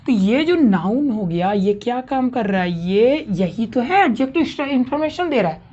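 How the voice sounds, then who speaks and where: A woman's voice: a little high, animated, moderate pace, warm tone, breathy edge, highs cut off. A woman teaching a grammar lesson to a class, asking questions and checking understanding often.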